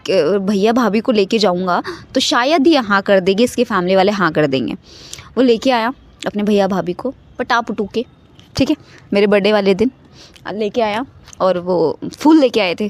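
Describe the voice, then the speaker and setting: A young woman casually telling a personal story into her phone, chatty and mixing English words into her talk, often checking in with "okay". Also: medium pitch. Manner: chatty, mixes in English, keeps saying "okay". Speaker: vlogger.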